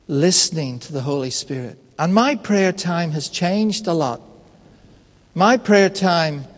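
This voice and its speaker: A man preaching a sermon in an unhurried, conversational and personal way, telling stories. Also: a little high, big-room sound. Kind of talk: sermon with storytelling.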